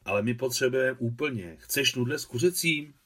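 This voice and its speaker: A man's voice: medium pitch, fairly bright tone, husky. A man reading aloud who voices a firm, caring village aunt who gives orders. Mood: bossy. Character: brisk warm-hearted village aunt, woman.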